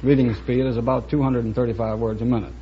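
A man, a quiz contestant, answering in a dry, measured way. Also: mid-range voice, flat delivery. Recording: dull old broadcast, audience and hiss.

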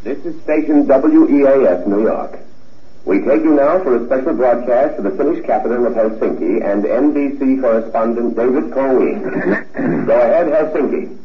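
A man's voice: mid-range voice, moderate pace. An actor playing a formal station announcer, his voice relayed over a radio link in a 1930s radio drama. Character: male radio station announcer in New York. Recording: tinny old radio transmission, roomy, faint hiss.

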